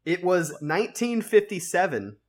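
A man co-hosting a casual sports betting podcast, rambling and animated, with plenty of likes and restarts. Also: high-pitched, moderate pace. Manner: rambling and animated, heavy on fillers. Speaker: podcast co-host and betting analyst.

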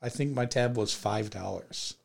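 A man's voice: on the low side, moderate pace, gravelly. A man co-hosting a casual podcast chat, joking and laughing often as he tells stories. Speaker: podcast co-host.

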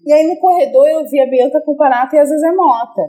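Young woman guest, high-pitched and lively, acts out every quote as she tells it. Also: fast talker. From Brazil. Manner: animated, laughing, acts out quoted lines. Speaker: guest actress. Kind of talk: casual podcast chat, storytelling.

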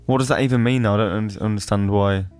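A man's voice: fairly low pitch, steady tone, a little mellow, faint music behind. A man, a guest on a podcast, joking back and forth with the host. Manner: fast, joking banter. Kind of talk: casual podcast chat.

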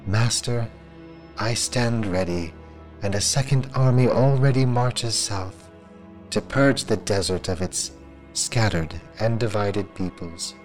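A game master voicing a smug, sinister lieutenant whose soft voice sounds muffled, as if heard through a wall. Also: male voice, lowish voice, takes it slowly, soft background music. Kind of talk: narrating a tabletop game.

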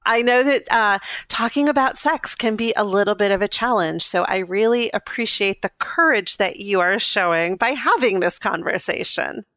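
A woman's voice: medium pitch, lively intonation, moderate pace, hardly any pauses, sharp tone. A woman hosting a podcast, giving scripted introductions and asking interview questions. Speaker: podcast host, intimacy coach.

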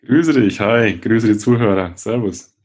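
Franconian man with a rolled r, lowish voice. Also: a little slow, a little mellow, husky. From Franconia, Germany. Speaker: guest, speaker and change coach. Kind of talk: conversational interview, personal account.

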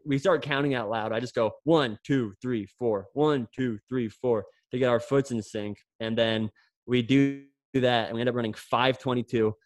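A man's voice: medium pitch, no echo. A young man, a former pro runner, chatting on a podcast and telling a long story with many restarts and fillers. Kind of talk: casual podcast chat.

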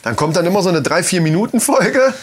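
A man's voice: sits high, lively intonation, fast, soft background music. A man co-hosting a podcast, chatting eagerly and casually. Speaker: podcast co-host. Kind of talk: casual chat.

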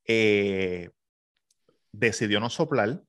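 A man with a Puerto Rican accent co-hosting a casual podcast, agreeable and quick to repeat himself in slangy talk. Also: fairly low pitch, lively intonation. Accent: Puerto Rican Spanish. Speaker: podcast co-host. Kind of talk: casual chat.

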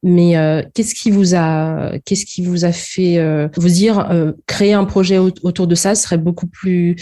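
A woman's voice: fairly low pitch, fairly even intonation, measured pace, mellow. A woman hosting a podcast interview, asking long questions with hesitant restarts. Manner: hesitant, repeats words when asking. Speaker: podcast host. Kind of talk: casual interview.

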